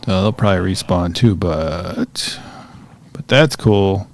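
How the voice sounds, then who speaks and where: Gravelly man, lowish voice, laid-back gameplay commentary, self-talk. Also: takes it slowly. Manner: relaxed, chatty, talks to himself while playing. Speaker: gaming streamer.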